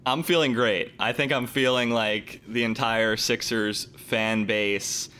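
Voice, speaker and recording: Crisp, bright, lowish-voiced male sports co-host. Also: fairly even intonation, slow. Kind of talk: basketball talk commentary.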